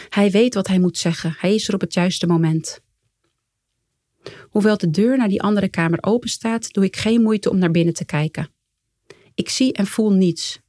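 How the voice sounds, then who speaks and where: A woman reading her own memoir aloud in a calm, measured way, quietly voicing the lines of the people in it. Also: mid-range voice, dry recording, studio quality. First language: Dutch. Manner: calm, measured storytelling with quiet quoted dialogue. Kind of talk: first-person memoir reading.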